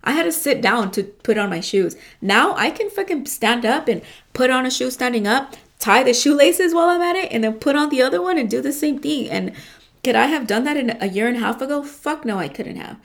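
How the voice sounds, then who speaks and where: A woman's voice: fairly high pitch, animated, a little fast, vocal fry. A woman hosting a casual motivational talk, rambling with lots of fillers and frequent swearing, often calling her listeners "you guys".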